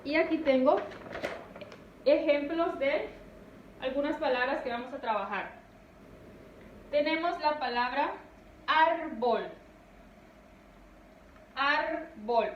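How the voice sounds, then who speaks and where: A woman teaching a grammar lesson, pronouncing words slowly and stressing each syllable. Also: high voice, dull audio. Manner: slow, deliberate, stresses syllables. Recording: echoey room, distant mic, faint noise.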